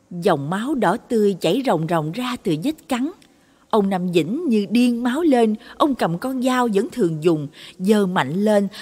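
Brief: female storyteller, dramatic scripted narration, breathy tone, reverberant sound. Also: medium pitch, a little mellow. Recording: long reverb on voice.

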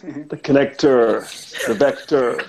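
A man's voice: mid-range voice, takes it slowly, a little mellow, low-quality recording. A man from Canada, a panel guest on a video call, introducing himself in a playful, self-assured way.

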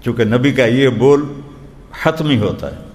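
A man preaching a religious sermon, telling stories and slowing down to recite quotations in short repeated phrases. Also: mid-range voice, a little mellow. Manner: storytelling, slows down to recite quotations. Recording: long hall reverb.

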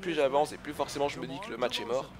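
A fast-talking man with a mid-range voice narrates his basketball video game live. He urges his team on and coaches them aloud, flipping between excited cheers and self-critical, cursing frustration whenever a play falls apart.

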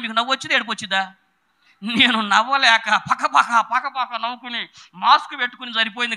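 A middle-aged male preacher, delivering a sermon with sudden shouted bursts and chatty storytelling. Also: very high voice.

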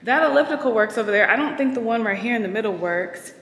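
Out of breath and chatty, a young woman vlogs from a large indoor apartment-complex gym, poking fun at herself in casual conversation. Her higher voice is lively, quick and a bit bright. Filmed on a handheld camera at arm's length, she sounds off-mic in an echoey room.

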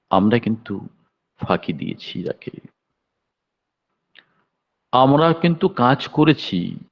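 A man in his seventies giving a devotional sermon, telling stories with sudden emphatic raised bursts. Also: mid-range voice. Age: 70s. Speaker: devotional speaker. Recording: dull lo-fi recording.

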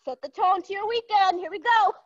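Young lady aerobics instructor, super high voice, counting reps and hyping everyone up, kinda lo-fi stream audio. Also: a little fast, no echo. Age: young adult. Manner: energetic, motivating, counting out reps. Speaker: fitness instructor leading a live stream workout. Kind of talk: aerobics instructor calling cues and encouragement. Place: large gym, indoors. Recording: dull, lo-fi livestream audio.

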